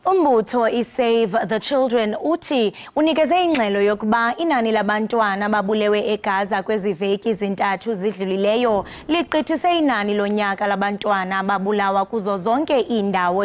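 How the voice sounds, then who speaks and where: A woman's voice: medium pitch, brisk, hardly any pauses, slight background noise. A woman with a Xhosa South African accent reading scripted news. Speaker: news reader.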